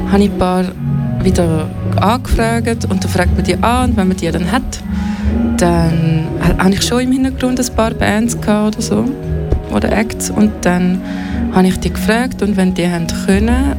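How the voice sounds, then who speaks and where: A young woman with a Swiss German accent, a radio guest chatting at length about her booking internship. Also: medium pitch. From Switzerland. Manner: chatty, rambling explanations.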